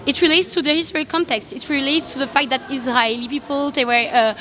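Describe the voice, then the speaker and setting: Brief: high-pitched woman from Congo, non-native English, hesitant debater, light background noise. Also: fairly even intonation, quick pace, pushed and bright. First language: not English. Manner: hesitant, searching for words. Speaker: debate participant. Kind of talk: street debate.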